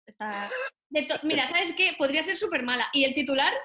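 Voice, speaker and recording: A woman's voice: high voice, lively intonation, noisy background. A woman from Valencia interviewing a guest in a playful, chatty way, firing off light questions. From Valencia, Spain. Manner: playful, chatty, quick to laugh. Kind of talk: casual interview chat. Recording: roomy echo.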